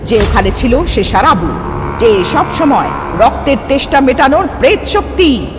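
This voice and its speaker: A woman with a high, very animated voice plays a distressed young sorceress, recounting her ordeal in the first person at a normal speed. The earnest cartoon-style delivery is grave and dramatic. Long reverb sits beneath loud music.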